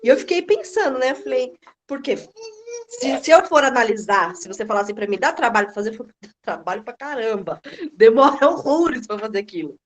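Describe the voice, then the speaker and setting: A woman chatting casually as a course participant on a group video call, lively and acting out the conversations she recounts. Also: on the high side, fairly quick. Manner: lively, acts out quoted dialogue. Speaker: course participant sharing her experience.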